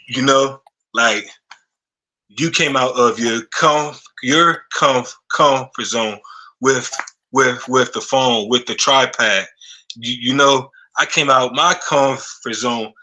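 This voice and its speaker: A man in his thirties hosting a podcast interview, talking casually and haltingly, often repeating words and saying "you know what I'm saying.". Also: medium pitch, sharp tone, poor audio. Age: 30s. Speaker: podcast host.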